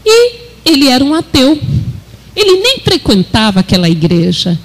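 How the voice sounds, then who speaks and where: A high-pitched woman with a Brazilian Portuguese accent preaches in a storytelling way. She acts out each character's quoted words by shifting her pitch. She stretches out the refrain slowly. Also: huge pitch swings, low-quality recording. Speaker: church preacher. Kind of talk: sermon storytelling.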